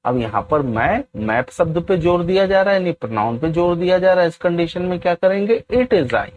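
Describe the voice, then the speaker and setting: A man teaching an English grammar lesson, often asking his viewers questions and slowly dictating example sentences. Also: high voice, expressive, lo-fi sound. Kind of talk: classroom-style grammar lesson.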